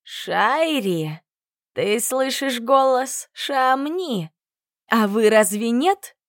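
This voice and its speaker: A woman voicing a kind, sly elderly grandmother who speaks slowly and tenderly, lower than her narrating voice. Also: expressive, dry recording, studio quality.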